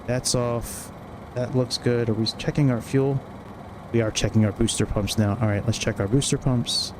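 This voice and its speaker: Over the engine noise and cockpit ambience of a flight simulator, a streaming man muses casually through his checklist in clipped, short phrases. He speaks at a moderate pace with medium pitch and fairly even intonation.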